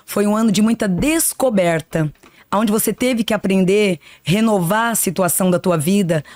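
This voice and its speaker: A woman's voice: medium pitch, a little mellow, no room sound, studio quality. A woman in her fifties, a psychic guest on a podcast, talking in an earnest, reflective way and often tagging "né". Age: 50s. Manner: earnest, reflective, spiritual talk with frequent "né". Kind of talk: podcast interview.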